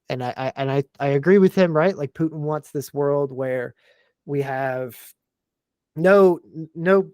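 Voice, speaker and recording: A man's voice: fairly high pitch, a little mellow, dry recording. Fired-up, foul-mouthed man ranting. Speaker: podcast guest. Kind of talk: casual podcast chat.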